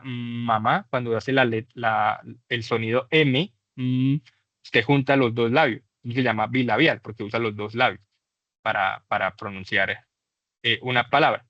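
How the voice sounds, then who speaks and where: A man's voice: medium pitch, sharp tone, dry recording. A man teaching an English class, explaining patiently and exaggerating vowel sounds to demonstrate them. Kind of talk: class lecture. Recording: dull lo-fi dry recording.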